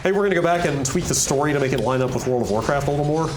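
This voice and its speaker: A man's voice: on the high side, racing, noisy background. A man giving casual, offhand commentary on a video game as he plays, in a wry way. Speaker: video game reviewer and host. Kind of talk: casual chat commentary over gameplay. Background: game music.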